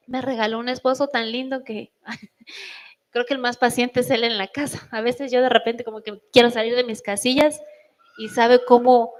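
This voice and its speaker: A middle-aged woman with a Mexican Spanish accent delivers a sermon from the pulpit. Her voice sits a little high, and she tells stories lively, acting out family quarrels in quoted voices. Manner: animated storytelling with quoted voices. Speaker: preacher.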